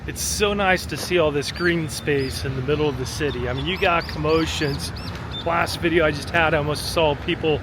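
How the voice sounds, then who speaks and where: A man's voice: fairly high pitch, fairly even intonation, normal speed. A man chatting casually and colloquially as he hosts a travel vlog outdoors in a city. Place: outdoors in city streets and parks. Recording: outdoor city and traffic noise.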